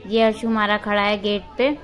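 A woman's voice: medium pitch, flat delivery, normal speed. Chatty woman vlogging outdoors. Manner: chatty, addresses viewers as friends. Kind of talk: casual vlog chat. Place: outdoors at a park and school gate.

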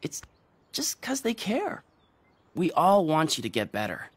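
A friendly, teasing cartoon teenage boy, voiced by a woman. The voice sits low for her, with very wide swings in pitch, and it is recorded dry and close. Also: wildly swooping pitch, a little slow, husky, dry recording, heavily acted. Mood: easygoing. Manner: easygoing, teasing.

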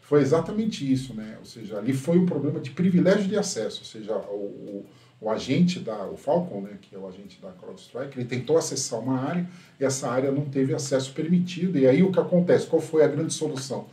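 Man, critical casual commentary, mellow dark voice, roomy echo. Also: medium pitch, lively intonation, brisk, hardly any pauses. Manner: critical, tags sentences with a questioning "right?". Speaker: host, tech commentator. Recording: roomy echo from a distant mic.

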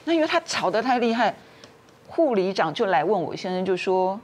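A woman's voice: medium pitch, fairly quick. Woman on a talk show, voice jumps all over, acts out every argument. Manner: lively, acts out the quarrels in raised voices. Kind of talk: animated storytelling on a talk show.

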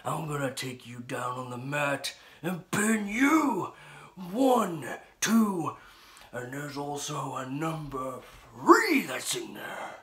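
A man playing a cocky, ranting comic pro wrestler in a theatrical wrestling promo, gravelly and swinging between hoarse whispers and shouts. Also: on the high side, very animated, slow pace, heavily acted. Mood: boastful menace. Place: small bedroom, indoors.

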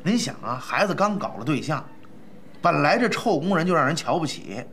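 Brief: casual Beijing everyman, Beijing accent, loose delivery, lively swings. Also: a little high, brisk, slight background noise. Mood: coaxing. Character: easygoing Beijing working-class man. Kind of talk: TV drama dialogue.

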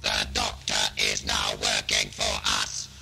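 A man's voice: a bass voice, completely flat delivery, unhurried, vocal fry, over music, heavily acted. A man playing a ruthless alien cyborg Dalek, barking staccato orders through a ring-modulated robot effect in a sci-fi audio drama. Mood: cold, gloating. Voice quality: grating, metallic, staccato.

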